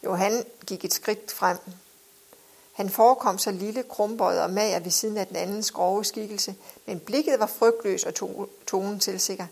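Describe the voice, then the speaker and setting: A woman narrating an audiobook in a measured, expressive reading style. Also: mid-range voice, vocal fry, breathy edge.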